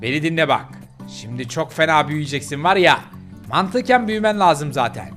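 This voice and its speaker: A man's voice: a little high, animated, a little fast, fairly bright tone, faint music behind, voice pushed down. Man doing Venom, a cocky scheming older dog. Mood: smug. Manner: reassuring and smug, talks others into risky ideas. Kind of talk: game role-play voicing.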